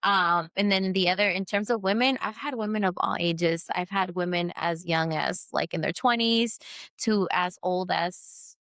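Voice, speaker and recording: A woman who runs a post-op massage business, talking candidly in an interview, with fillers, restarts and quick shifts into voices when she quotes people. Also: no echo. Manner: acts out quoted voices with sharp pitch jumps. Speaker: post-op massage therapist, guest. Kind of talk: casual interview conversation.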